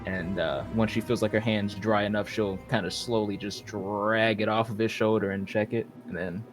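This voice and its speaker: A man's voice: on the low side, steady tone, moderate pace, music in the background. A man playing a tabletop game, casually describing his character's actions. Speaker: player.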